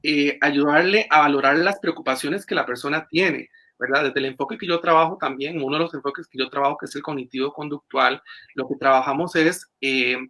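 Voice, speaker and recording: A man's voice: a little high, fairly quick, bright, forceful tone. A man, a clinical psychologist explaining things in an interview with many fillers and restarts, over a video call. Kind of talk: interview answers.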